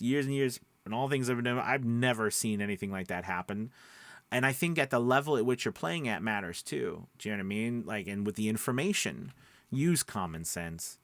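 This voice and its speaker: Speaking with a low voice and no room sound, a voice-over coach who hosts his own channel gives casual, emphatic advice to camera. He keeps it conversational and frequently checks understanding with rhetorical questions.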